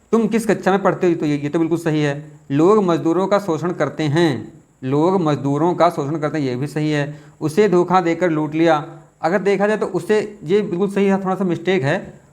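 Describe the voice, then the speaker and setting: A man teaching, working through exam questions aloud, repeating words slowly as he thinks aloud. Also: a little high, darkish tone. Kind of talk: test question walkthrough.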